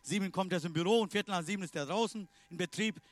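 A man preaching a sermon in non-native German phrasing, emphatic, swinging between loud declarations and quiet asides. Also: high-pitched, fast, no room sound.

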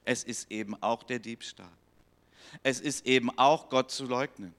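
A man preaching a sermon, swinging between loud, pleading appeals and quiet, grave passages, sometimes acting out quoted voices. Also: medium pitch, fairly even intonation, moderate pace.

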